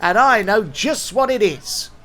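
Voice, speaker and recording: A man's voice: sits high, expressive, unhurried, pushed and bright, slight background noise, voice pushed up, exaggerated voice. Man doing a grumpy pompous old Englishman. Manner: huffy, indignant, snobbish.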